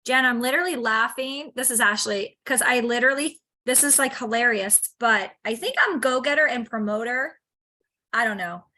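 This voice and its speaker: A woman on a team call telling a quick, animated story. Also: fairly high pitch. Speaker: team member. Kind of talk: casual chat.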